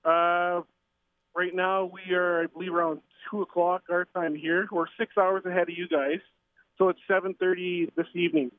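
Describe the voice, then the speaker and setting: A middle-aged man from Canada heard over the phone from a train, a curling coach and father giving a casual interview, halting with fillers and restarts. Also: sits high, little pitch movement. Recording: tinny phone line.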